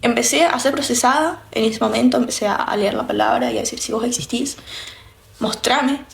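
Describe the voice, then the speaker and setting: A woman's voice: a little high, quick pace, vocal fry. A young woman from Argentina with an Argentine accent, giving an earnest, reflective personal faith testimony with frequent restarts. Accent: Argentine Spanish. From Misiones, Argentina.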